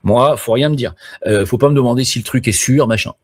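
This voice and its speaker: Middle-aged male streamer, rambling and hesitant, salty slang, average pitch, dry room. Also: fairly quick, slightly rough, no echo. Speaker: live streamer promoting his platform. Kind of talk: rambling live-stream chat.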